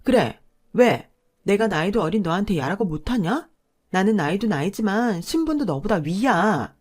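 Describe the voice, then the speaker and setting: A woman voicing a pushy, greedy middle-aged sister-in-law who scolds and demands in a loud voice. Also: medium pitch, very animated, normal speed. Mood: angry.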